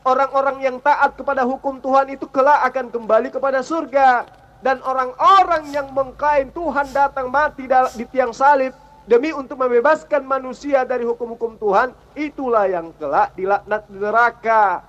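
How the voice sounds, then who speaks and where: A very high-voiced man presses his points in a heated religious debate, lecturing and challenging. The sound is dull and lo-fi. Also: steady tone, moderate pace, a bit bright.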